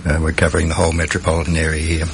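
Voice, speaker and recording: A middle-aged Australian man with a very low voice speaks as a radio guest, measured and thoughtful with some ums. A faint noise runs under the studio mic. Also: completely flat delivery, vocal fry. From Perth, Australia. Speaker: social worker, guest. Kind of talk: radio interview.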